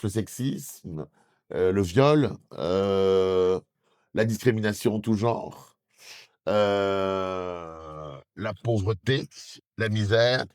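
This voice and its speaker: A man's voice: on the low side, a little mellow. A middle-aged man from southwest France answering interview questions as a documentary presenter, earnest and hesitant with many fillers and restarts.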